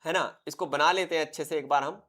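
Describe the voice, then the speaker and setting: A man's voice: on the high side, steady tone, fast talker, sharp tone. A male teacher delivers an exam-prep lecture. He keeps firing questions at his class and then answers them himself. He drives each point home by repeating the key terms. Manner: quizzes students constantly, answers his own questions.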